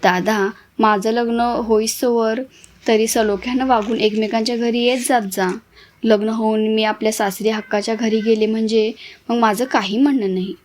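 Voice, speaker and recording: A woman's voice: a little high, fairly even intonation, moderate pace, a little mellow, slight background noise, lightly acted. A woman reading the part of an orphaned young woman who pleads with her brothers through tears. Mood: pleading. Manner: pleading, emotional.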